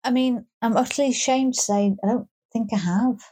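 A woman's voice: on the high side, a little fast, dark tone, breathy edge. A woman co-hosting a podcast in a casual chat, playful and self-mocking. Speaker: podcast co-host.

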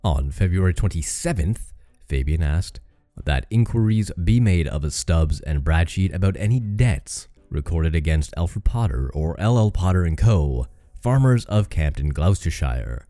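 A man's voice: low voice, animated, moderate pace, warm tone, dry recording. A man hosting a true-crime podcast, reading out case notes in a casual way and breaking off for joking asides and the odd curse word. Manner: swears casually. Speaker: podcast host.

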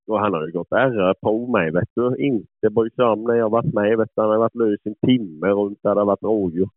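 A man's voice: fairly low pitch, no room sound. A man, a dog owner and hunter, telling rambling stories in a casual way, swearing often and chuckling as he goes. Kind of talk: casual storytelling. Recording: phone-like lo-fi, dry.

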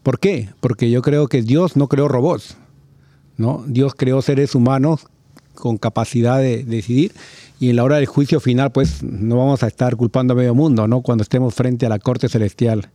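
A man's voice: medium pitch, fairly even intonation, moderate pace, mellow, no echo. A man in a casual religious conversation, talking reflectively with many filler tags.

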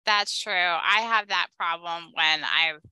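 A woman co-hosting a casual book chat podcast, chatty and quick to laugh, with a slight lisp from a cemented dental bridge. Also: on the low side, sharp tone, smooth, no echo, rough recording. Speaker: podcast co-host.

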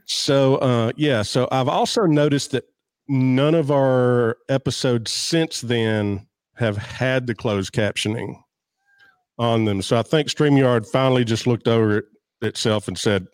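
A man chats on a podcast in a slow, unhurried drawl. He tells his story in an easygoing way, and the sound is dry and close. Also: medium pitch, smooth, no room sound. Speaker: podcast co-host. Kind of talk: casual chat.

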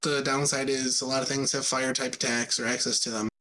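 A podcast co-host chatting casually at a middle pitch. The delivery is playful and stop-start, with frequent false starts. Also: flat delivery, fairly quick, bright, forceful tone. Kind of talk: casual chat.

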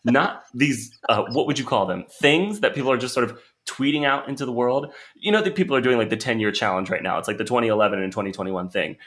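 A young man hosting a podcast, ranting in a casual, animated way with sudden leaps into a high voice. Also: fast, few pauses. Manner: animated ranting with big pitch jumps. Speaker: podcast host.

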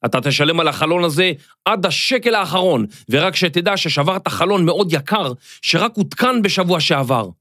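A man voicing a grumpy, angry middle-aged neighbor who scolds and shouts, in a children's audio story. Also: a little high, lively intonation, no echo, clean studio sound.

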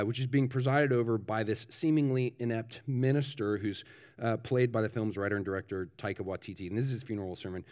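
A man's voice: medium pitch, a little mellow, clear, resonant tone. Casual, stumbling male preacher. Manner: restarts and repeats words, informal asides. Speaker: pastor. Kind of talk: conversational sermon.

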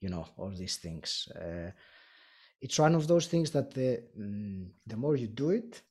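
A man from Greece, Greek his first language, speaking English with a Greek accent as a podcast interview guest, thoughtful with frequent pauses. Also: lowish voice, animated, darkish tone, slightly rough. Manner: thoughtful, many filler pauses, laughs lightly. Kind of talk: casual interview.

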